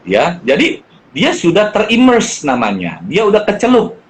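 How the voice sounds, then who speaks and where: Man, middle-aged, high voice, very lively pitch, casual guest talk, acts out dialogue. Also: normal speed, slight background noise, poor audio. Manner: animated, acts out quoted dialogue in changed voices. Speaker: guest speaker on parenting. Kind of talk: casual chat.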